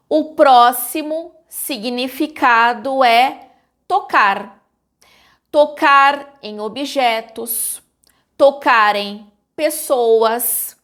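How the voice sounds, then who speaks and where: Speaking with a Brazilian Portuguese accent, this Brazilian host teaches what a common verb means through slow, carefully articulated scripted narration. She has a high-pitched, slightly bright voice.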